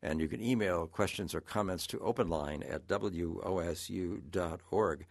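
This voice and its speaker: A man hosting a radio call-in show, asking questions in a halting conversational way with stammering restarts. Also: sits low, vocal fry, dry recording, clean studio sound. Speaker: radio host.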